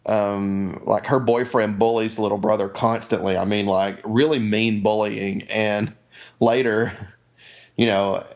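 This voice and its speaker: A man co-hosting a podcast, chatting excitably about a film with many restarts. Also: fairly low pitch, lo-fi sound. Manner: excitable, halting, repeats words. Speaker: podcast co-host. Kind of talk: casual chat about films.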